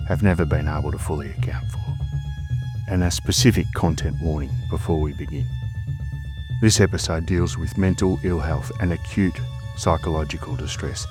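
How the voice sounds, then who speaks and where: A man with an Australian accent narrating a scripted mystery story as a podcast host, in a measured, dramatic way. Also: low voice, darkish tone.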